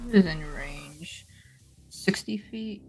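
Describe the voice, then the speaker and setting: A woman's voice: lowish voice, slow, a little mellow, rough recording. A woman chatting casually as a player in a tabletop game, thinking aloud in a tentative way. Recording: music behind the voice.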